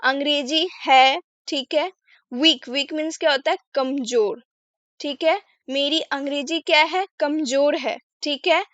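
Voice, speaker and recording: A woman teaching English words in Hindi, explaining slowly and often checking in with the listener. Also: high voice, a bit bright, no room sound, highs cut off. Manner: repeats "ठीक है" often, slow careful explaining.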